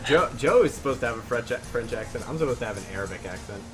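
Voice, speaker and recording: A man's voice: mid-range voice, rapid-fire, over music. A man chatting and joking as a player in a tabletop game. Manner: joking, excitable. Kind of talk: casual tabletop game chat.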